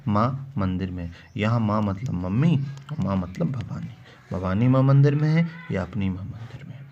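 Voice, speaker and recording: A man's voice: medium pitch, a little mellow. A male Hindi grammar teacher giving a classroom-style lesson. He asks and answers his own questions, repeats the key terms, and stretches out each verse example as a recital. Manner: explains slowly, quotes verse examples in a drawn-out recital. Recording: dull lo-fi sound with faint background noise.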